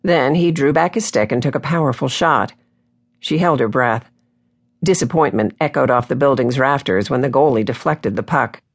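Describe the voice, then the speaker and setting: A woman reading a romance novel aloud in a smooth, even storytelling way, recorded close on a studio microphone. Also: extremely low pitch, normal speed. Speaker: audiobook narrator. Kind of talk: scripted audiobook narration.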